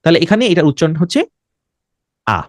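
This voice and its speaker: A man's voice: mid-range voice, sing-song, moderate pace, darkish tone, no echo, studio quality. A man with a Bangladeshi accent teaching an English pronunciation class, switching between English and Bengali and quizzing his students. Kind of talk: classroom lesson.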